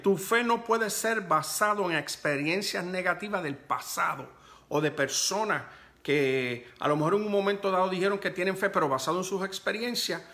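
Bright-voiced man preaching a sermon. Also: high voice. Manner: emphatic, slows to stress scripture, asks "¿verdad?". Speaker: pastor.

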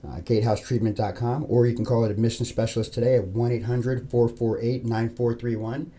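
A man's voice: medium pitch, steady tone, brisk, warm tone, a little hiss or hum. An American man from New York hosting a podcast, talking informally to listeners in an earnest, personal and plain-spoken way. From New York, United States. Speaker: podcast host.

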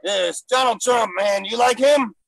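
A man doing a gravelly gorilla comic. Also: very high-pitched, a little slow, dry recording, exaggerated voice. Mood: boastful. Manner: broken-English put-on accent, loud bursts. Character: gruff male gorilla stand-up comic, bragging and silly. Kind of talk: improvised comedy character interview.

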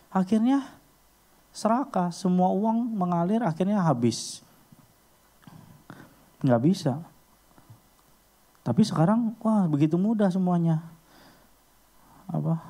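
A man giving a casual storytelling sermon, acting out little scenes with sudden leaps in pitch. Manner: animated, acts out little scenes with sudden high jumps in pitch.

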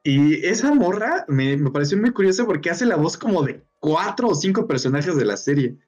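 A man's voice: fairly high pitch, big pitch swings, moderate pace, darkish tone. A young Mexican man in casual chat as a podcast co-host, rambling and searching for words. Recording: dull lo-fi sound, faint music.

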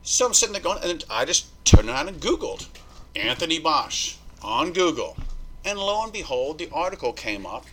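Against a noisy background, a man with a slightly high voice talks at normal speed. As a podcast guest he tells a story casually and with swearing, animatedly acting out the people he quotes.

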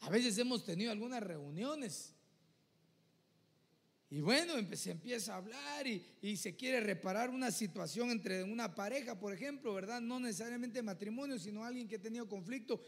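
High-voiced male preacher, echoing hall. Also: expressive, moderate pace. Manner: addresses listeners as "hermano", keeps asking "¿verdad?"; earnest, conversational preaching with vivid examples. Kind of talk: sermon.

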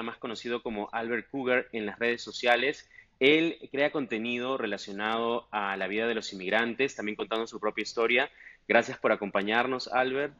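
A man hosts an interview podcast, asking his guest questions in a friendly, steady way. He nods along with short affirmations between the answers. His voice sits at an ordinary middle pitch. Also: highs cut off. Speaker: podcast host.

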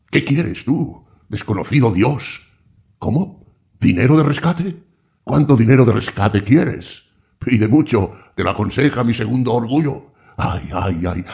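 A man's voice: fairly low pitch, vocal fry, darkish tone. A man voicing a trembling old man who cries out in anguish to an unknown god. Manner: anguished pleading, rising cries.

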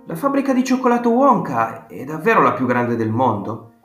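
A man's voice: a little high, wildly swooping pitch, normal speed, a bit bright, pitched above the performer's own voice. A man voicing a polite, curious little boy who asks eager, wondering questions, in a roomy audiobook recording with faint guitar music.

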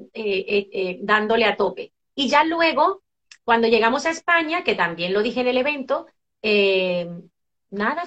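A middle-aged Venezuelan woman talks as a guest in a relaxed interview, her voice sitting a little high. She tells her stories with animation, circling back through fillers and restarts as she goes. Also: muffled recording. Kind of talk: casual conversational interview.

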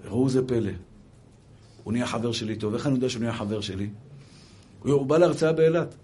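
A man's voice: medium pitch, mellow, a little hiss or hum. A man giving a religious lecture, telling stories emphatically and calling his listeners brothers. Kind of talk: Hebrew sermon with anecdotes.

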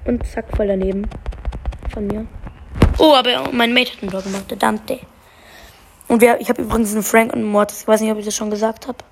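A young woman chatting casually while playing a game, excitable and slangy, cursing when things go wrong. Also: on the high side, fairly quick, vocal fry, pauses often. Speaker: gamer. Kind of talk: casual gaming chat. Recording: faint background noise.

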